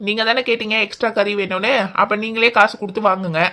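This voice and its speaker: A woman's voice: medium pitch, steady tone, fast talker, pushed and bright, close to an everyday voice. A woman voicing a bossy, cheeky young village woman who talks brash and teasing in a cartoon comedy. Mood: threatening.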